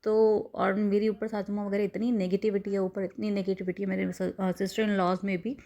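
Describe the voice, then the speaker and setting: A woman's voice: medium pitch, flat delivery, moderate pace, mellow. A woman, likely in her thirties, earnestly telling a rambling personal devotional testimony with frequent restarts.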